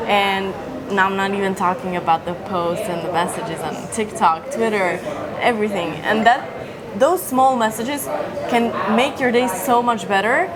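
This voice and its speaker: Earnest young woman over crowd noise. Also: medium pitch. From Albania. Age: young adult. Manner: fast, earnest and gushing. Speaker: pageant contestant. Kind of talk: casual interview. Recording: noisy crowd around. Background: crowd chatter.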